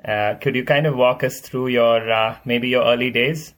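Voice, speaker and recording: Guy co-hosting a podcast, halting questions, lots of uh and repeats. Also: mid-range voice, fairly even intonation, fairly bright tone. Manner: halting, many fillers. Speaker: podcast co-host. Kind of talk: casual interview questions.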